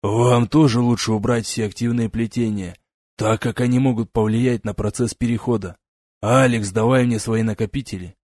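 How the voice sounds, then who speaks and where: A man voicing a male demon friend in an audiobook, speaking in a bantering, lively way. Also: medium pitch, normal speed, no echo, studio quality, lightly acted. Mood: businesslike.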